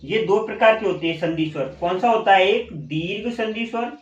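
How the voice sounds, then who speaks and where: High-pitched male teacher, echoey room. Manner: asks questions and answers them himself; repeats key terms slowly. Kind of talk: classroom lesson. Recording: echoey room, dull lo-fi sound.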